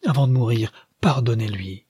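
A man's voice: medium pitch, normal speed, dark tone, slightly rough, dry recording, studio quality. A man reading as a frightened, pleading maid. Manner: pleading, soothing.

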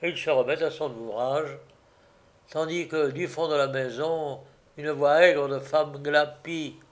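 A male narrator reads a story aloud, slow and deliberate. His voice sits a little on the high side for a man, with steady, careful phrasing.

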